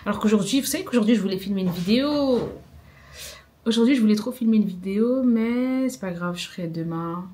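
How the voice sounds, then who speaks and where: A woman's voice: mid-range voice, a little fast, warm tone, slight background noise. A young woman, chatting to a small camera in a rambling, self-mocking vlog. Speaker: vlogger. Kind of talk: casual vlog chat to camera. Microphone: small handheld camera.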